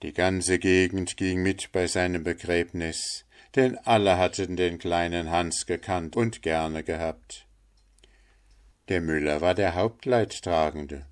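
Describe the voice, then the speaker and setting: Low voiced guy reading a fairy tale aloud, slow and steady. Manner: measured, unhurried storytelling. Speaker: narrator.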